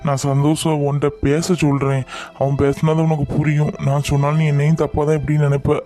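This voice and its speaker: A man's voice: a little high, completely flat delivery, brisk, dark tone, soft background music, lightly acted. A man playing an anxious older brother in an amateur family skit, reassuring and pleading with his upset sister. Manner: pleading, reassuring, worried muttering asides.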